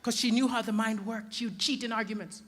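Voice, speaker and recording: Male stand-up, animated delivery, sharp tone, hall reverb. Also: sits high, fast talker, a little hiss or hum. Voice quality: animated, switches into voices for quoted people. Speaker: stand-up comedian. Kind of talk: stand-up comedy set. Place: comedy venue stage.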